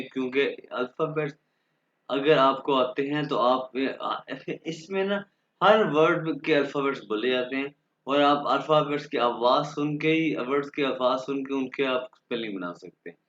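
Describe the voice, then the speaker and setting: A man whose first language is Urdu, teaching a German class online and slowly drilling the alphabet for students to repeat. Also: mid-range voice, fairly bright tone, roomy sound, lo-fi sound. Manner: slow, patient, drills letters aloud for students to repeat.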